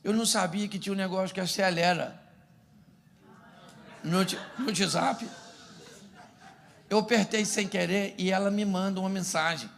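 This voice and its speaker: A man's voice: high voice, normal speed, vocal fry, pauses often. A middle-aged man preaching a humorous sermon as pastor, acting out little scenes of married life. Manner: humorous, animated, acts out domestic scenes.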